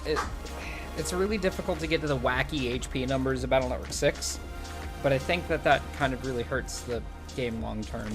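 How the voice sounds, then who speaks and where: A man talking in a relaxed, wry tone on a casual gaming podcast. His voice sits at a middle pitch, with faint music playing behind him. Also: a little fast. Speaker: podcast co-host.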